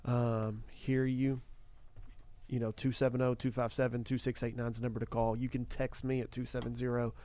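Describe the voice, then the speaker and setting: A man's voice: mid-range voice, level tone, brisk, dark tone. A man hosting a faith talk show, speaking earnestly and repeating phrases for emphasis. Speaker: ministry podcast host.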